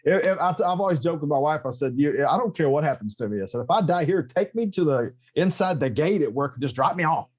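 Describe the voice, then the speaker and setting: Animated man telling stories. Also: fast, few pauses, slightly rough. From Texas. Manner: animated, joking storyteller with emphatic pitch jumps. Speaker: podcast guest. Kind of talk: casual interview chat.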